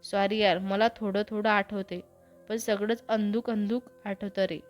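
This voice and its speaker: A woman's voice: medium pitch, flat delivery, measured pace, soft background music, lightly acted. A woman voicing a cautious, questioning young man in a storybook reading. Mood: apologetic.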